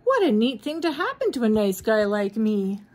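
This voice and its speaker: A naive, jolly snowman from a children's storybook, played by a woman reading aloud. He exclaims everything cheerfully, in a high and very lively voice. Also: moderate pace. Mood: delighted. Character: cheerful, naive male snowman come to life.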